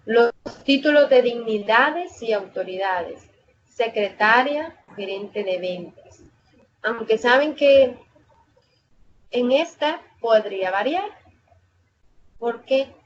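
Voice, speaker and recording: A woman with a fairly high voice gives an online tutoring lecture at an unhurried, deliberate pace. She reads from slides, runs through example words and corrects her own slips. The video call audio is dull and lo-fi, with a faint hiss. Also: expressive. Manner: reads slides aloud and explains them with lists of example words. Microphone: video call microphone.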